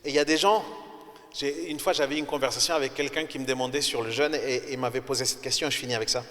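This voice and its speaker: A man's voice: mid-range voice, steady tone, quick pace, a bit bright, big-room sound. A male pastor preaching a sermon, emphatic and conversational, talking straight to the congregation. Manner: emphatic, rising sharply on key words; conversational, addresses listeners directly. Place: church.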